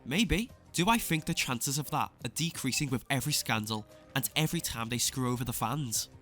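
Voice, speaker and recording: A man's voice: mid-range voice, a little fast, fairly bright tone. A man delivering scripted opinion commentary as a video essayist, with a sarcastic, scathing exposé tone. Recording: clear music bed under voice. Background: background music.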